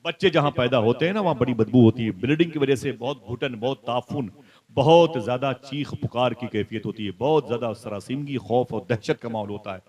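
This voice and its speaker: A man preaching a fiery religious sermon who tells a story dramatically, swinging from soft asides to loud, high exclaims and questioning his listeners directly. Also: fairly quick.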